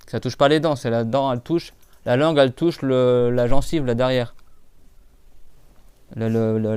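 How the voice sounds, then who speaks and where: Smooth, dry-voiced man teaching. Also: medium pitch, darkish tone, no room sound. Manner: patient, repeats and drills sounds; casual spoken French with many fillers. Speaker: Quran recitation teacher. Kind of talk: live class explanation.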